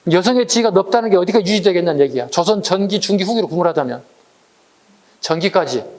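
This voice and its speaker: A middle-aged male lecturer with a slightly raised voice, teaching an exam-prep class. He talks in a lively, blunt way and keeps throwing rhetorical questions at his students. He slips into slangy little voices to act out quarrels. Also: high-pitched. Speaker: history lecturer.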